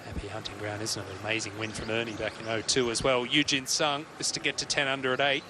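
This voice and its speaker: A man's voice: medium pitch, flat delivery, fast talker. A man giving live golf commentary as the lead commentator calls play. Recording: very noisy outdoor broadcast.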